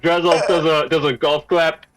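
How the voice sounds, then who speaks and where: A man's voice: on the high side, flat delivery, moderate pace, a crowd in the background. A man chatting casually as a player in a tabletop game, wry and teasing.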